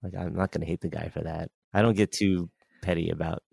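Deep, gravelly man in easy chat. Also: steady tone, fairly quick, a little mellow, no echo, clean studio sound. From San Francisco Bay Area. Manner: easygoing, filler-heavy, "you know" throughout. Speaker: podcast guest, musician. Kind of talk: casual sports chat.

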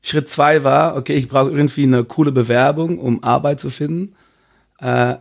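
A man's voice: mid-range voice, steady tone, moderate pace, vocal fry. A man from Belgium, a podcast guest speaking hesitantly and searching for words in a casual interview.

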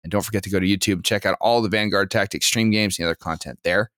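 Low-voiced podcast host. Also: male voice, steady tone, fairly bright tone, dry recording, studio quality. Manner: brisk announcements, then questions to his co-host. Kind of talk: casual podcast discussion.

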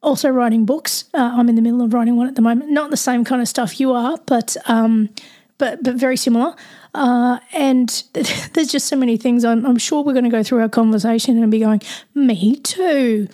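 A woman with a croaky, slightly hoarse voice, speaking as the host of an interview podcast. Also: on the high side, steady tone, normal speed, mellow. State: croaky voice today.

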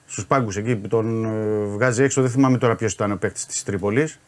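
Ένας άντρας αθλητικός ρεπόρτερ που εξιστορεί με τη σειρά τι έγινε, σε χαλαρή κουβέντα. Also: male voice, on the low side. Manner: steady, step-by-step recounting. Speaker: sports reporter. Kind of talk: casual sports chat.

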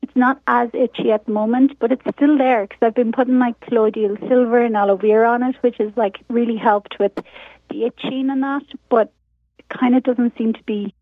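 An Irish woman calls in to a radio show, her voice squeezed thin through a phone line. She talks casually and chattily, dotting her sentences with "like", in a fairly high voice. The line is dry, with no room sound around her. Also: fairly even intonation, brisk, no echo. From Ireland. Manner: chatty and casual, with frequent fillers like "like". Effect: caller heard over a phone line. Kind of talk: casual chat.

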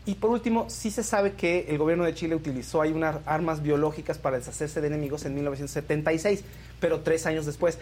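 A show co-host with a Mexican accent races through casual news commentary. The voice is mid-pitched, with a little noise behind it. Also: quick pace, darkish tone. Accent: Mexican Spanish.

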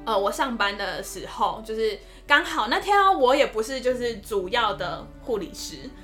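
A young woman nurse tells a story in easygoing podcast talk. Her voice sits fairly high and moves expressively as she talks. Soft music plays faintly underneath. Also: moderate pace. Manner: expressive storyteller, lively swings in pitch. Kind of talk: casual podcast chat, telling a story.

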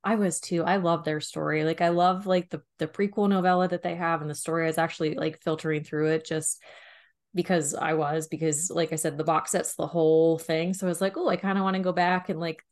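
A woman co-hosting a romance book podcast, talking in a relaxed, rambling way full of "like" and little asides. Her voice sits a bit low for a woman, and her talk is loose and unscripted. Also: brisk. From Pennsylvania, US. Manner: chatty, heavy use of "like", animated and laughing. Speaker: podcast co-host reviewing romance books. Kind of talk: casual chat.

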